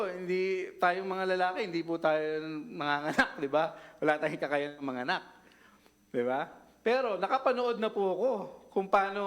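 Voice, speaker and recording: A man gives a sermon in a loose, chatty way, keeping his listeners involved with frequent questions. His voice sits a little high for a man. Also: fairly bright tone. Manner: casual, conversational, mixing Tagalog and English, frequent tag questions. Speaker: preacher.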